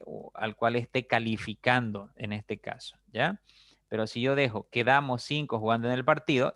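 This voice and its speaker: A man's voice: medium pitch, fairly bright tone, dry recording, studio quality. A man teaching a recorded grammar lesson, explaining patiently, repeating examples and checking in with frequent short questions to his students.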